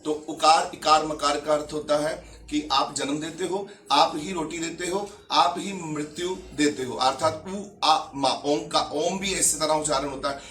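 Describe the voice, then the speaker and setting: A man's voice: on the high side, steady tone, unhurried, hardly any pauses, fairly bright tone, a little hiss or hum. A man speaking as a spiritual leader who answers questions at a religious gathering, emphatic and explanatory. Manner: emphatic, preaching, explains terms. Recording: echoey, far from the mic.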